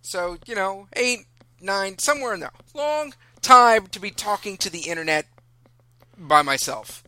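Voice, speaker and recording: A man's voice: high-pitched, lively intonation, measured pace, pushed and bright, dry recording. A man hosting a casual podcast from a room in his house, chatty and self-deprecating, rambling with restarts. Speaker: podcast host.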